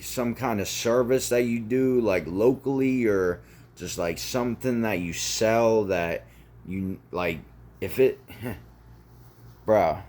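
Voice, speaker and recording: Deep, firm-voiced man preaching positivity. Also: darkish tone. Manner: repetitive, emphatic, swears casually. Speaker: motivational vlogger. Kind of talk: casual motivational talk.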